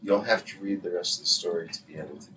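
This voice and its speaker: Very deep-voiced calm middle-aged man. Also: quick pace. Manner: calm and explanatory. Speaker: co-host, player's father. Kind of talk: casual gameplay chat. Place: home room while it rains. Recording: distant mic with faint noise.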